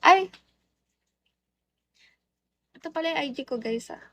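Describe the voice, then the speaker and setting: A woman's voice: high voice, expressive, unhurried, slight background noise. A young Filipino woman with a Filipino accent, livestreaming from home on her phone and greeting viewers one by one in a playful, teasing way. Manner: switches between Tagalog and English, playful and teasing. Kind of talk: casual live stream chat greeting viewers.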